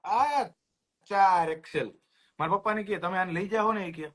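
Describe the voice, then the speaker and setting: A man with a high-pitched voice, chatting casually as a co-host. He tells lively stories and acts out the voices of the people in them. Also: normal speed. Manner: lively anecdotes, acts out classmates' lines. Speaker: podcast co-host. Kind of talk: casual storytelling chat.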